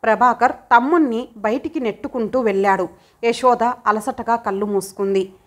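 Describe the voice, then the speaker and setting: High-voiced woman narrating a story. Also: normal speed. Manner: steady, expressive reading. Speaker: audiobook narrator.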